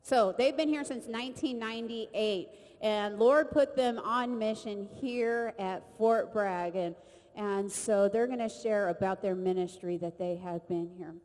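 A woman ministry leader hosts a church service with prayer, speaking unhurriedly in a mid-range voice. Her address to the group is earnest, conversational, and warm, and the chapel or church hall gives a long, large-hall reverb.

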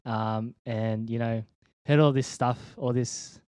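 A man's voice: mid-range voice, steady tone, slow, a little mellow, no room sound, clean studio sound. A young man giving a personal faith testimony in an interview, laid-back and slangy, with many ums and restarts. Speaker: interview guest, church leader.

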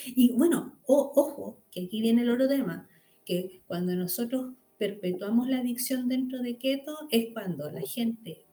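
A woman's voice: a little high, moderate pace, dark tone. A woman hosting a casual chat, explaining points animatedly and acting out quotes. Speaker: host. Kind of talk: casual chat about diet. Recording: roomy echo.

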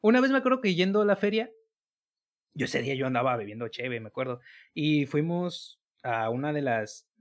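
A young man from Tabasco with a light Tabasco accent, trading stories in a casual chat. His voice sits a little high for a man. His talk is loose and slangy, sprinkled with swearing, and he laughs often. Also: lively intonation, moderate pace. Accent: Tabasco Spanish. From Tabasco, Mexico. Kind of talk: casual chat among friends.

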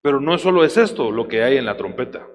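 A male preacher giving a sermon. He calls his listeners brother, teases them for not saying amen, and reads Bible verses slowly in a loud, drawn-out voice. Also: mid-range voice, expressive. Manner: slow, shouted readings of Bible verses. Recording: long hall reverb, faint hum.

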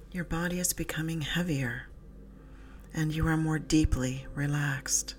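A woman narrating a sleep story as a guided relaxation, in a soothing, hushed, breathy voice that often softens into a whisper. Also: sits low, slight background noise. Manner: soothing, hushed, breathy delivery with soft whispery phrase endings. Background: slow music with drum beat.

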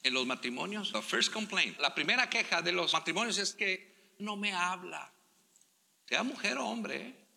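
A male pastor preaching a sermon, stressing words slowly and acting out quotes. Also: high-pitched, expressive, gravelly, pushed and bright, long reverb tail. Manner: preaching with slow emphatic stresses and acted-out quotes.

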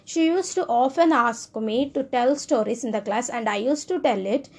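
A young woman with an Indian English accent shares her personal views in a casual monologue, speaking earnestly and rambling as she often restarts her sentences. Her voice is husky and a little high, and she talks at a normal speed.

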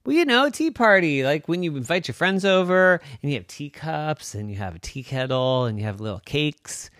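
Rascal, a man doing an excitable little stegosaurus. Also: normal speed, dry recording, studio quality. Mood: excited. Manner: eager, high-pitched, breathless chatter. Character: excitable young male stegosaurus.

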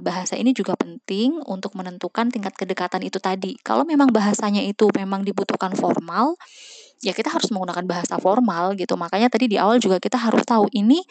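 A young woman talks through a public speaking lesson in a relaxed, chatty way, pausing on fillers and speaking straight to her listeners as friends. Her voice sits at an ordinary middle pitch. The recording is close and dry, with no room sound. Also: no room sound. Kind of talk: casual instructional talk.

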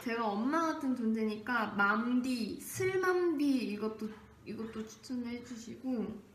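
A young woman co-hosts a casual radio-style show, playful and giggly, leading the segment and reading out a listener's letter. Her voice is fairly high and animated, at a measured pace. The room is echoey, with faint background noise.

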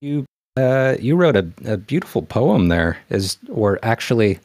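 A man hosting a casual show, speaking in a relaxed, unhurried way and asking questions. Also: mid-range voice, no room sound, studio quality. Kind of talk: casual chat.

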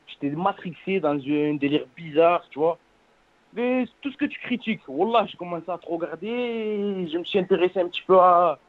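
A man in his twenties with a French suburban accent calls in by phone, chatting in street slang in an earnest, halting way, repeating oaths and words. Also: high voice, no room sound. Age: 20s. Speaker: phone-in caller. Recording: narrow, tinny phone-line sound.

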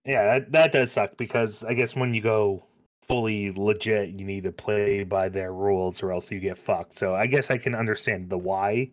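A man's voice: lowish voice, steady tone, normal speed. An American man co-hosting a casual podcast chat over drinks, talking in a loose, sweary way. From United States.

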